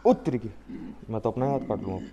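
A man giving jokey, excitable commentary on a virtual reality game. He taunts the zombies and then apologizes to them. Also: fairly low pitch, fairly quick, muffled recording, background noise. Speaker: gamer. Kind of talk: casual VR gameplay commentary.

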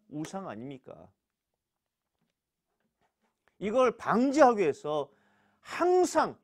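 A pastor with a high voice teaches a church Bible class. He poses questions and answers them himself, repeating key words for emphasis.

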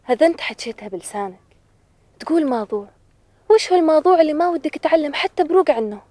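Young Bedouin sweetheart, Bedouin Arabic accent, fairly high voice, brisk, direct, television drama. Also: female voice, lively intonation, warm tone, no room sound. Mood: questioning, wistful. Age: 20s.

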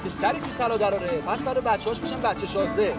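A man's voice: high-pitched, natural voice. A man playing a pushy, wheedling schemer. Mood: coaxing. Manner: wheedling, insistent, teasing. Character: pushy ambitious young man coaxing a friend. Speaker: scheming friend. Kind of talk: period TV drama acting. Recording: loud music score underneath.

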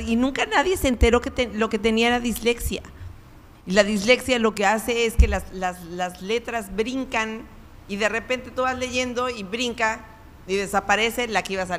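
A woman's voice: on the high side, moderate pace, long reverb tail, slight background noise. A woman giving a conversational public lecture, full of fillers and "¿no?" tags.

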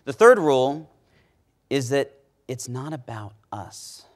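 A middle-aged man giving a conference keynote on a large stage, speaking emphatically into a lapel mic and dropping low on key words. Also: very animated, slow pace.

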